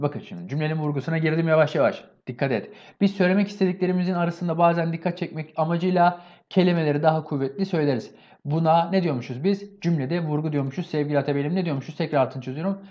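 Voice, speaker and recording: Guy teaching grammar super fast, slightly high voice, kinda dull lo-fi sound. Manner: energetic, keeps asking and answering his own questions; often repeats an affectionate address to his viewers. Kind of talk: online exam-prep lesson.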